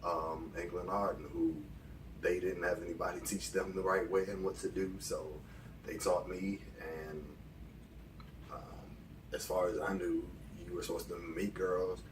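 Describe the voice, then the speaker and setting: This interview guest is an American man in his late twenties who talks about his own life loosely and frankly, in a low, level voice at an unhurried pace. Background noise and room echo come through, as he's recorded from a distance.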